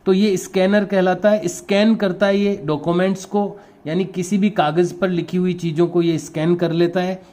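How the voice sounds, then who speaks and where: Man, teacher, Rajasthani Hindi accent, classroom lesson, dark mellow tone, spells words letter by letter. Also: high voice. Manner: explains patiently and repeats terms. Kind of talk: classroom lesson for young pupils.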